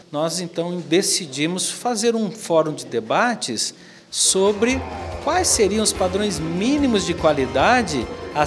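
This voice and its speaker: Man explaining calmly in an interview. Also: fairly high pitch. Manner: measured, explanatory, frequent "né". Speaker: physiotherapy professor. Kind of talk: interview answers. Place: indoor office corner by a plant. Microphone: handheld interview mic.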